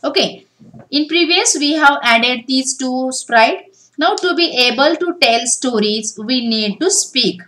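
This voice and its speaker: A woman's voice: high voice, expressive, takes it slowly, sharp tone, poor audio. A woman teaching a coding lesson for beginners, explaining each step in turn over a screen recording. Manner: step-by-step explaining, often starting with "now".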